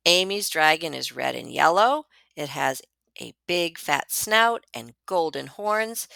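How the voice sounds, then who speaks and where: Woman doing a kids storytime read, super expressive pitch, slow and bright. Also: no room sound. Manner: dramatic, deliberate storytelling with emphasized words. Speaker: librarian reading aloud to students. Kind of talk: expressive children's picture book read-aloud.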